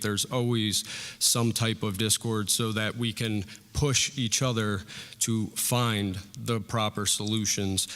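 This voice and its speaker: At a town hall debate in a reverberant hall, a young man running for school board gives plainspoken, unpolished answers filled with fillers. His voice sits on the low side but has a fairly bright tone.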